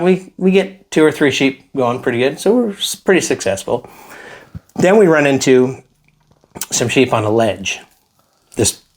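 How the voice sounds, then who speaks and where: Male guest, casual interview storyteller, lively when quoting others. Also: medium pitch. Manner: animated storyteller acting out quotes. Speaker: helicopter pilot guest.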